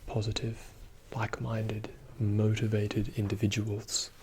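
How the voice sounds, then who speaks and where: A man giving a soothing, reassuring ASMR pep talk in a soft-spoken, often whispered voice, slow and deliberate. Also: fairly low pitch, monotone, background noise. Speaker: ASMR video host.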